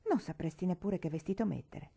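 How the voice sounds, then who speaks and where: A woman's voice: on the low side, fairly quick, creaky, dark tone, breathy edge. A woman voicing an incredulous elder sister who doubts her younger sibling, in a read-aloud novel. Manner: incredulous, teasing.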